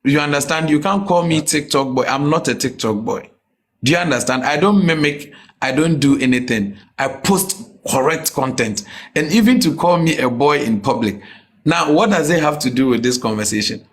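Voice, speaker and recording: A man with a Ghanaian West African accent speaks in a fairly high voice. He talks casually but with emphasis, as a guest making his case in a conversation. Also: animated, moderate pace. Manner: emphatic, often checks the listener understands; mixes English with a Ghanaian language. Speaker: comedian, podcast guest. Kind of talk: casual interview talk.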